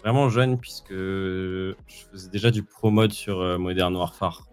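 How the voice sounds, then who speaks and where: A man's voice: low voice, steady tone, unhurried, clear, resonant tone, faint music behind. A man in his twenties with a Parisian French accent, chatting casually and hesitantly as an interview guest. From Paris region, France. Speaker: esports player, podcast guest.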